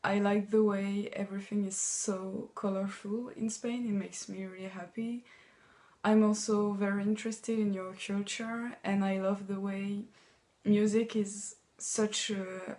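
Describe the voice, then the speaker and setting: An eighteen-year-old woman gives calm, measured interview answers. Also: medium pitch. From France.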